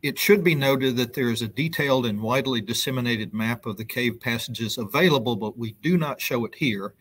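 A middle-aged man, a news reporter, explaining things over a video call in a loose, halting way with many ums and restarts. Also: mid-range voice, fairly bright tone, husky. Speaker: news reporter interviewed as guest. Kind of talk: conversational explanation on a live web show. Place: indoor room with brick wall. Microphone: video call webcam.

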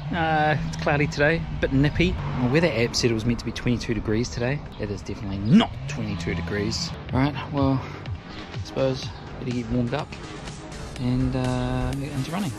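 A man with a New Zealand accent talks casually to a camera held at arm's length outside. His voice is mid-pitched, with music behind it. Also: brisk. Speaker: running vlogger. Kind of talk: casual vlog talk to camera. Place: outdoors by a house. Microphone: action camera at arm's length.

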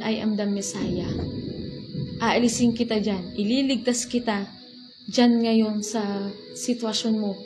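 A woman's voice: fairly high pitch, low-quality recording. Earnest woman preaching over music. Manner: earnest, repeats reassuring lines, mixes in English phrases. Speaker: church worker preaching. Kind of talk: sermon. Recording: music playing underneath. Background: soft music.

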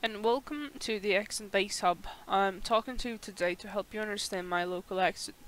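A woman from Turkey with a Turkish accent, a native Turkish speaker, reading a scripted accent demonstration with careful, deliberate enunciation. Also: mid-range voice, rough recording.

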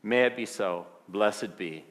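A man's voice: on the low side, measured pace, a bit bright. A man giving church announcements and a blessing. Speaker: minister. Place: large church sanctuary. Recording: long hall reverb.

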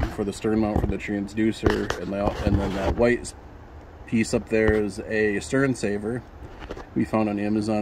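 A young man casually showing off a fishing build on a phone camera outdoors, rambling with many ums and restarts. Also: lowish voice. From Michigan. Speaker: fishing channel host. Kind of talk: casual how-to vlog. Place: outdoors in an apartment parking lot. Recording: noisy outdoor phone recording.

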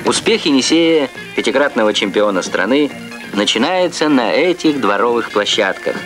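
A man's voice: medium pitch, expressive. Man narrating an old Soviet newsreel over music. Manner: formal, measured delivery. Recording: archive 1980s newsreel soundtrack with music.

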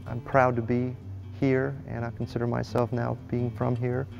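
A man's voice: medium pitch, completely flat delivery, normal speed, creaky, a little mellow, highs cut off. A man from Slovakia, a legislative photographer, speaking earnestly in a documentary interview. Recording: interview with music underneath.

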